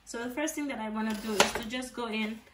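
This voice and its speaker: A woman's voice: on the high side, quick pace, heavy background noise. A woman hosting a casual home cooking tutorial, talking through each step and often checking in with "okay?". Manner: chatty, ends phrases with "okay?". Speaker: cooking channel host. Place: home kitchen. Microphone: off-camera camera mic, overhead framing. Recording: echoey kitchen, voice from a distance.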